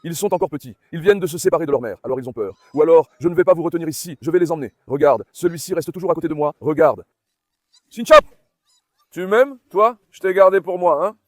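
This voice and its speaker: A man vlogging outdoors in a garden, calling and coaxing his puppies in a lively, animated way and talking to his viewers. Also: on the high side, quick pace, hardly any pauses, dry recording, clean studio sound. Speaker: dog breeder vlogger. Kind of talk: casual vlog talk to puppies and viewers.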